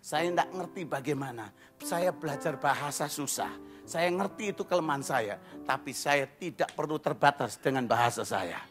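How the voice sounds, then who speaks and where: A male pastor, preaching an energetic, humorous sermon sprinkled with slang. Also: fairly high pitch, normal speed, music in the background.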